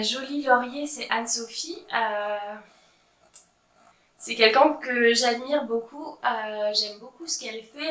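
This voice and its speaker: A woman's voice: on the high side, fairly bright tone. A woman in her thirties chatting casually about her knitting projects, with frequent fillers and a self-mocking humor. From France. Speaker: knitting vlogger. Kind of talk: casual show-and-tell chat. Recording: echoey room, voice a bit far from mic.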